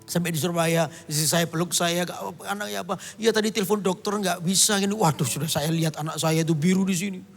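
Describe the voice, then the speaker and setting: A man's voice: high-pitched, steady tone, quick pace, vocal fry, hardly any pauses, long reverb tail, faint music behind. A middle-aged man from Indonesia preaching a sermon, telling a personal story and breaking into song now and then. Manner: storytelling, bursts into song and shouts. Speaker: pastor.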